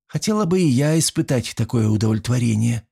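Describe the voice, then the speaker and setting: A man's voice: medium pitch, expressive, a little fast, vocal fry, mellow, slightly rough, pitched above the performer's own voice, exaggerated voice. A man reading an audiobook, voicing a scheming, vengeful young woman in a girlish, venomous voice.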